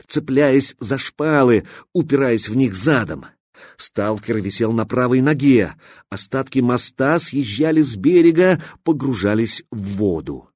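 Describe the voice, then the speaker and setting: A man with a husky voice narrating an audiobook in a tense, measured way. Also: lowish voice, a little mellow, dry recording. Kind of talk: scripted narration.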